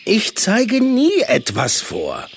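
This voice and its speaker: A woman's voice: mid-range voice, huge pitch swings, slow, husky, voice pushed up, heavily acted. A woman voicing a sleepy, grumpy tigress in a children's story, growling and irritable. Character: sleepy grumpy female tiger. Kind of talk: storybook reading.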